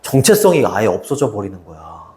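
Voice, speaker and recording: Lively male English teacher in an echoey room. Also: fairly low pitch, brisk, a little hiss or hum. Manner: lively, chatty, keeps asking students "right?". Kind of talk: high school English lesson.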